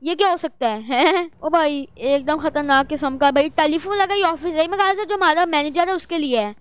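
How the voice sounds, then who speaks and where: A woman chatters through horror gameplay in a high, bright register. She is excitable and jittery, bursting into loud exclamations as she plays. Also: brisk, dry recording. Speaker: gaming vlogger. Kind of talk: Roblox horror gameplay commentary.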